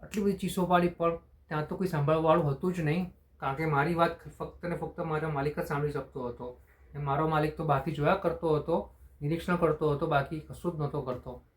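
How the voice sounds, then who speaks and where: A man narrating a spoken short story in the first person, in an unhurried, unpolished way with restarts and searching for words. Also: on the high side, fairly even intonation.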